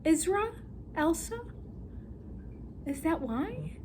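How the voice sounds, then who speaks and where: Giggly, high-voiced young woman rambling. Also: lively intonation, extremely slow, darkish tone, slight background noise. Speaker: book vlogger. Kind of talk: casual book recap.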